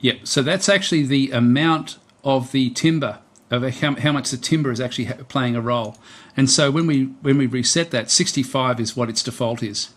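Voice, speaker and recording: A man with a mid-range voice walks through a software tutorial at a moderate pace. It's casual and unscripted, and he sounds hesitant, thinking aloud as he presents.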